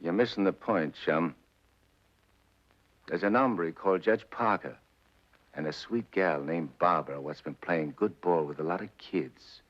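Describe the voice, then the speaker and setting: An actor playing a tough, streetwise gangster living in a judge's body, talking in slang with a menacing edge, on a 1940s film soundtrack. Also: male voice, very deep voice. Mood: cocky. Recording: dull old film soundtrack with music.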